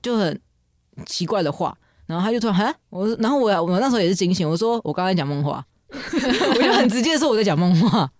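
Host, woman, quick frank chatter, dry studio sound. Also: mid-range voice, sing-song, a little mellow, no echo. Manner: chatty, frank, swears casually. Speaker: podcast host. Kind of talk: casual chat. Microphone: studio mic.

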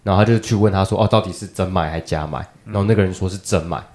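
A man's voice: deep voice, rapid-fire, a little mellow. A man co-hosting a casual podcast chat, telling a story and acting out the quoted phone talk, with a Taiwanese Mandarin accent. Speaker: podcast co-host.

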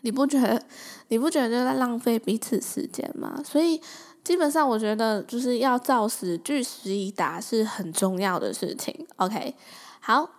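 A woman's voice: fairly high pitch, animated, normal speed. A woman in her twenties from Taiwan, a podcast host telling a personal story in a casual, chatty way, laughing often and acting out the dialogue she quotes.

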